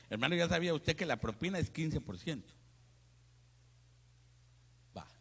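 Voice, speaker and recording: A pastor preaches in a lively, joking way, his voice bright and a little gravelly. It swings widely up and down as he works the crowd. The sound rings with the long reverb of a church hall. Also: fairly high pitch, slow pace. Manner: animated, joking, addresses listeners as brother. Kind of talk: lively Spanish sermon with humor.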